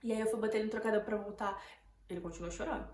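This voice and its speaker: Racing along in a steady, medium-pitched, slightly mellow voice, the young vlogger with a Brazilian Portuguese accent retells a tense night for her viewers, emotional and casual, with words recurring again and again. Her recording has room echo and faint background noise.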